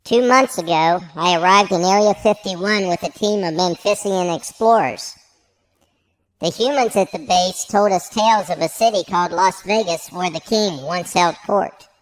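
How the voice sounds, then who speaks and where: A woman's voice: fairly low pitch, normal speed, close to an everyday voice, rough recording. Woman voicing a prim alien head. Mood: prim, formal. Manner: formal, stilted phrasing. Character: male alien head on life support, [name] fan. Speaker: co-host. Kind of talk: comedic sketch acting.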